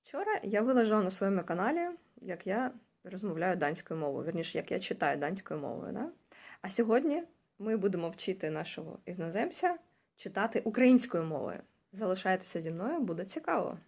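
A woman's voice: mid-range voice, very animated, a little fast, vocal fry, darkish tone. A woman hosting a casual vlog as a language teacher, prompting and encouraging her learner.

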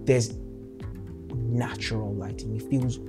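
A man co-hosting a casual film review, talking in a relaxed, emphatic way with repeated phrasing. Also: mid-range voice, slow pace, over music. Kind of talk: casual movie review chat.

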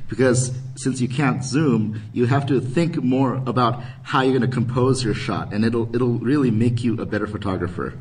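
A man's voice: mid-range voice, moderate pace, few pauses, a little mellow, breathy edge, distant mic, rough recording. A man giving a photography workshop at a convention, talking casually with many ums and restarts. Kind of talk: live convention workshop talk. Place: convention panel room.

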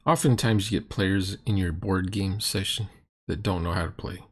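Hosting a reaction video, a middle-aged man critiques a role-playing session with off-the-cuff commentary that's exasperated and sarcastic. His low voice has a breathy edge and a steady tone, and he speaks at a moderate pace.

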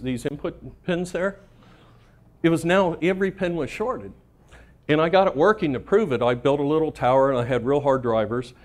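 A middle-aged man giving a casual conference talk, telling anecdotes in a profane, self-amused way and often checking in with "right?". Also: medium pitch. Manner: casual, profane, laughs at his own stories, keeps tagging "right?". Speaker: conference speaker. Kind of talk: storytelling talk to a live audience.

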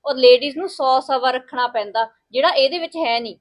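A woman playing a village wife who lectures her sister-in-law in a sharp, sarcastic way in a family skit. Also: sits high, a little fast, close to an everyday voice. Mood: lecturing.

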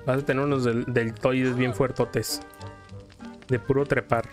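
Unhurried and level, a mid-range male voice belongs to a Mexican game streamer who casually rambles in slang, sharing stories and playful commentary. Game music sits behind his voice.

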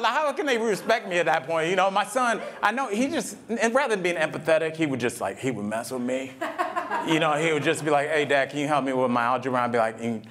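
Guy doing standup live, chatty and animated, fairly high voice, audience roaring behind him. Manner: conversational, animated, lots of asides. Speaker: stand-up comedian. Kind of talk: stand-up comedy set. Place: live event venue with audience. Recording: live venue with loud crowd. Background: audience laughter.

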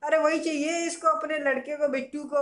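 A man's voice: extremely high pitch, fairly even intonation, a little fast, bright, forceful tone. A young man playing a stern, stingy father who nags and scolds his son in a comedy sketch. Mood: defensive. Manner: nagging, scolding.

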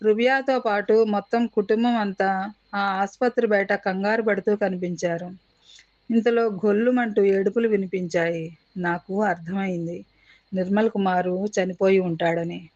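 A woman narrating a short story as an audiobook, reading in a measured, expressive way and voicing the characters' lines. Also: mid-range voice, dull audio.

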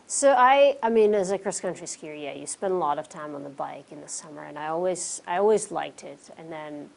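A Czech woman in her forties, a pro cyclist, answers interview questions casually in a small curtained studio. Her Czech-accented voice sits low and creaky, and she talks briskly, scattering fillers like "you know" and "um" in a relaxed way.

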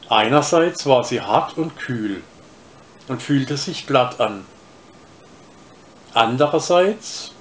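A man reading a children's story aloud, slowly and deliberately. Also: medium pitch, slight background noise. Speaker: reader of a story.

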